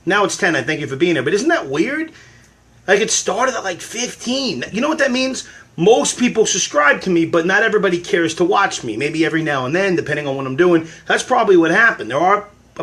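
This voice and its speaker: A man's voice: a little high, fairly bright tone. A man hosting a casual livestream from his phone at home, rambling and self-deprecating while he cooks eggs and answers fan questions.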